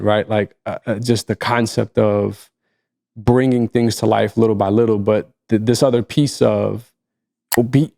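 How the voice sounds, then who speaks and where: This podcast co-host is an Egyptian man whose first language is Arabic, and his medium-pitched voice carries vocal fry and a warm tone. He chats casually and reflectively, repeating points for emphasis.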